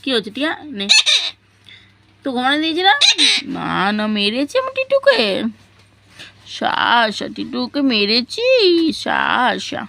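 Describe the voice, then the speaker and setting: High, lively woman coaxing pet parrots. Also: a little slow, vocal fry, long pauses. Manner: coaxing, scolding and cooing at pet birds. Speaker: vlogger talking to pet parrots. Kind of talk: casual home vlog. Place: home. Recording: loud background noise.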